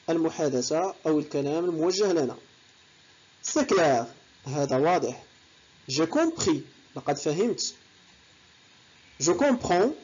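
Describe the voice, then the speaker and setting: A woman teaching French, saying each phrase slowly and then translating it. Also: lowish voice, warm tone, breathy edge, muffled recording. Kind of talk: language lesson, explaining in Arabic.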